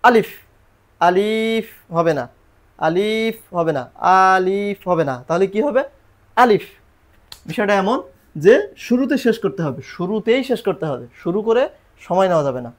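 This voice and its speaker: A man's voice: sits high, lively intonation, brisk. A man teaching Quran reading and the Arabic alphabet in a recorded lesson, patiently repeating letters and drilling pronunciation.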